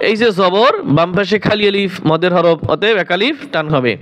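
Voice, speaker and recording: A man teaching Quran recitation to learners. He spells words out letter by letter in Bangladeshi Bengali, then chants them in a drawn-out recitation. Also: high voice, a bit bright.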